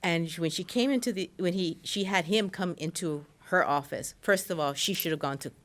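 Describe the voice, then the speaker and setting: A woman's voice: on the low side, moderate pace, background noise. A woman museum professional on a panel over a video call, giving earnest, emphatic advice and repeating her key points. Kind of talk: conversational panel talk.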